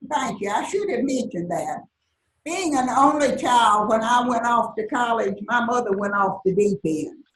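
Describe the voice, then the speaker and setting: Slow-talking older Southern woman. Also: mid-range voice. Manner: folksy storytelling, frequent laughs. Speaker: guest speaker. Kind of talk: anecdotal talk to an audience. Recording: roomy echo, distant mic, faint hiss.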